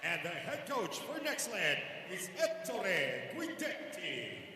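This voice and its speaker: A man announcing a volleyball match in a large gymnasium, calling out names in a booming, drawn-out way over the public address system. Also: wildly swooping pitch, recorded from a distance. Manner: booming, drawn-out name calls. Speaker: game announcer. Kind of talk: arena player introductions. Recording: echoey PA in a big hall, heard from afar.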